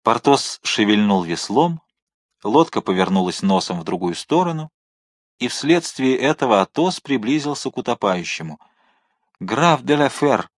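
A man's voice: lowish voice, animated, moderate pace, no echo. Man reading an adventure audiobook, dramatic, dry close mic. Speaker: narrator. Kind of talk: audiobook narration.

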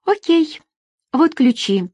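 A woman voicing a haughty, shrill young secretary. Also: sing-song, takes it slowly, warm tone, no echo, highs cut off, heavily acted. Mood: teasing. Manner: condescending, shrill when irritated.

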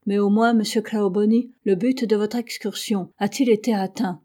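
Woman doing an old sailor, grave and earnest, warm low-key voice, audiobook reading. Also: fairly even intonation, normal speed, close to an everyday voice. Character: old male sailor, loyal, gruff and grieving.

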